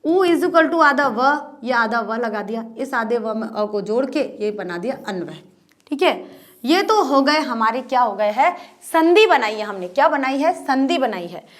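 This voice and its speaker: A woman's voice: fairly high pitch, expressive, a little slow. A woman teacher explaining a grammar lesson step by step, often repeating points as rhetorical questions. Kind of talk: Hindi grammar lesson at a board.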